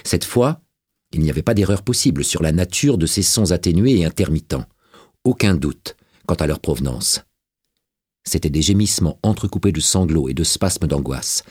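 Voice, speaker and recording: A man narrating a novel as an audiobook, with a dramatic and expressive reading. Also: deep voice, moderate pace, breathy edge, dry recording, clean studio sound.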